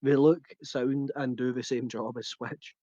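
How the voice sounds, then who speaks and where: A man's voice: mid-range voice, fairly even intonation, measured pace, dark tone, dry recording, muffled recording. A man co-hosting a podcast, chatting about films, often laughing and searching for the right words. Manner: chatty, laughs while telling, hunts for words. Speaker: podcast co-host. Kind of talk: casual film chat.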